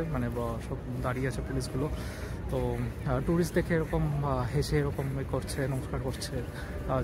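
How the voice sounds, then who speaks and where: A man talking casually as he walks, vlogging a city trip, with many filler sounds and a lowered voice in quiet spots. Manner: chatty, many filler sounds, drops to a hush in quiet areas. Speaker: travel vlogger. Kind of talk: casual walking vlog commentary. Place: outdoors on city streets. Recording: outdoor street noise with traffic. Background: city street noise and vehicles.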